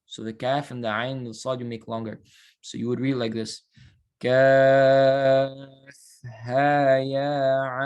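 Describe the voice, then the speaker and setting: Man teaching recitation, drawn-out chanted syllables. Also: medium pitch. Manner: explains slowly, models drawn-out recited syllables. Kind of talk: casual classroom teaching.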